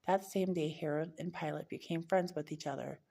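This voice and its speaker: A woman's voice: low-pitched, brisk, vocal fry, warm tone. A woman reading a Bible chapter aloud, now and then stumbling and correcting herself mid-word. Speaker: scripture reader.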